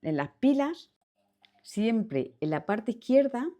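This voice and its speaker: A woman's voice: fairly high pitch, big pitch swings, takes it slowly, mellow. A woman teaching chemistry in a video lesson with a Spanish accent, explaining step by step, repeating key points and checking in with her students. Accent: Spanish from Spain. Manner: patient, repetitive, checks in with students.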